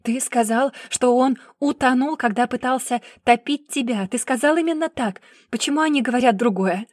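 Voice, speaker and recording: A woman's voice: fairly high pitch, measured pace, darkish tone, no room sound, clean studio sound. A woman voicing a distraught, abused young woman who breaks into frantic, shrieking accusations, in a Russian audiobook. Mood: frantic, screaming.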